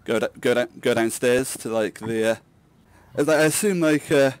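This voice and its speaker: A man's voice: medium pitch, normal speed, clear, resonant tone, no echo. A man playing a tabletop game, casually and hesitantly describing his character's moves, often repeating phrases.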